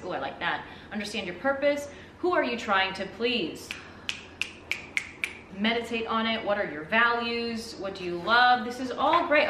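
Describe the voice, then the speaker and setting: Excitable, sweary woman unboxing gifts. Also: a little high, roomy sound, distant mic, a little hiss or hum. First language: not English. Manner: excitable, swears a lot, reads labels aloud. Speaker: vlogger reviewing products. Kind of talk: casual unboxing chat.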